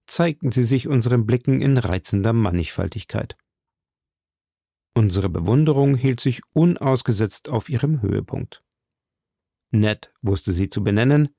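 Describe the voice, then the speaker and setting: A man narrating an audiobook in a measured storytelling manner. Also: medium pitch, vocal fry, mellow, dry recording, studio quality. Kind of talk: scripted narration.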